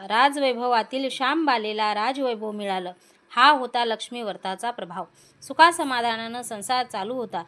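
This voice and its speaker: A woman narrating a devotional folk story in a steady, measured way. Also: fairly high pitch.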